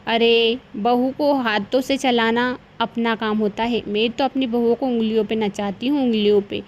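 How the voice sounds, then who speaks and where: A woman's voice: on the high side, normal speed, muffled recording, a little hiss or hum, close to an everyday voice. A woman voicing a scheming sweet-talking mother-in-law. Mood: coaxing. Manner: coaxing, heaps on flattery.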